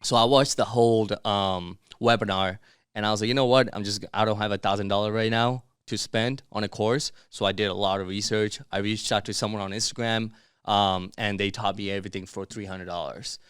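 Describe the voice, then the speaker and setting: Here the Miami guy by way of Bangladesh and Dubai is in a relaxed interview, loose and chatty, with plenty of "bro" and "dude." His lowish voice has a fairly bright, smooth tone, fairly even intonation and a fairly quick pace. The recording is dry and studio quality.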